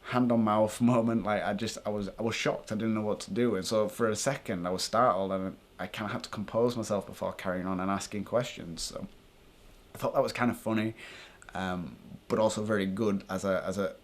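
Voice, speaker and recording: British man, low-pitched voice, informal vlog explanation, thinking aloud, paranormal investigator. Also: steady tone, a little fast. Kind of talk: casual explanatory vlog talk to viewers.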